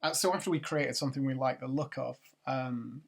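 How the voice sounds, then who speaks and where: Middle-aged guy rambling thru a screen recording, gravelly and kinda monotone, lots of ums. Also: mid-range voice, fairly quick. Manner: rambling, many ums and restarts. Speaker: watch brand founder. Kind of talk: casual screencast talk. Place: at a computer doing a screencast.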